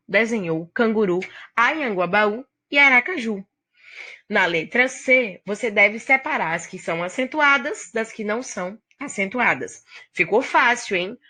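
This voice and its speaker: A woman's voice: mid-range voice, pushed and bright. A woman teacher with a Brazilian Portuguese accent, patiently explaining a grammar lesson straight to the student. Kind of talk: recorded classroom lesson.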